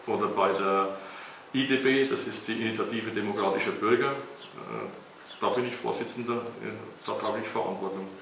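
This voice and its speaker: A man's voice: fairly low pitch, fairly even intonation, normal speed, vocal fry, a bit bright. A middle-aged man, a mayor, answering children's interview questions in a casual, hesitant way with many fillers and tag questions. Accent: German. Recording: echoey room, recorded from a distance with faint noise.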